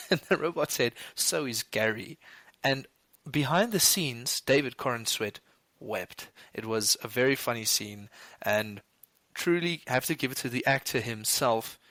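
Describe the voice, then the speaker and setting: On a movie podcast, a co-host speaks in a mid-range voice that is pushed and bright, with lively intonation and no room sound. His casual chat rambles, with frequent restarts and quick laughs.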